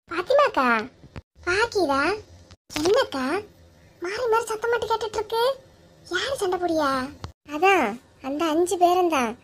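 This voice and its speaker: A woman's voice: very high-pitched, a bit bright, a little hiss or hum, pitched above the performer's own voice, heavily acted. A woman with a Kanyakumari Tamil accent voicing a nosy, gossipy village neighbor in a comic cartoon. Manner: curious, gossipy.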